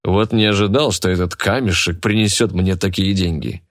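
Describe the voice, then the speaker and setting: A man's voice: low-pitched, no echo, clean studio sound. A man voicing a smug, greedy male auctioneer who draws out his announcements. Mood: gloating. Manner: drawn-out, gloating announcing.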